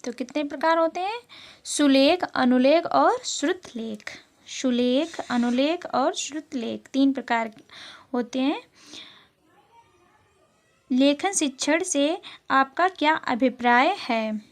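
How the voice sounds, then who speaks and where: A woman's voice: sits high, takes it slowly. A woman teaching as she reads out exam questions, then explains the answers and repeats them. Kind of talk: exam-prep lesson.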